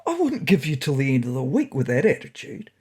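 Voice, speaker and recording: A woman voicing an opinionated male stranger who lectures in a brusque, unsympathetic way, with a breathy voice. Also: rumbling low, huge pitch swings, fairly quick, dark tone, full character voice. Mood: blunt. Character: blunt know-it-all male stranger.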